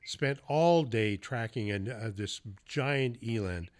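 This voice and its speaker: A man's voice: medium pitch, takes it slowly. Casual storytelling male podcast host. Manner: storytelling, loose and profane, with laughs. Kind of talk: casual interview chat.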